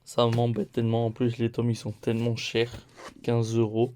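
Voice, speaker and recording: Un homme qui présente ses achats de mangas de la semaine sur un ton décontracté, en énumérant les titres un par un et en riant de ses erreurs. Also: male voice, mid-range voice, monotone, warm tone. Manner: slow, listing titles one by one; playful, laughs at own mistakes. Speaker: manga haul vlogger. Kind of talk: casual haul video chat.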